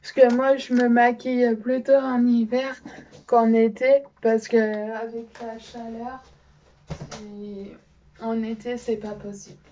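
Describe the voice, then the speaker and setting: A woman's voice: on the high side, flat delivery, slow, mellow, dull audio, slight background noise. A young French-speaking woman presenting makeup in a casual vlog, hesitant with many fillers. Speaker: beauty vlogger. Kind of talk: casual show-and-tell vlog.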